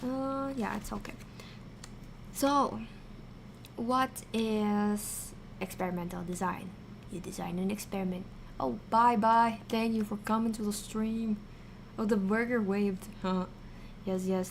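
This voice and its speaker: A woman hosting a casual livestream science lesson, thinking aloud haltingly and repeating key terms as she chats with viewers. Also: mid-range voice, fairly even intonation, creaky, slight background noise. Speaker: science streamer, virtual avatar host.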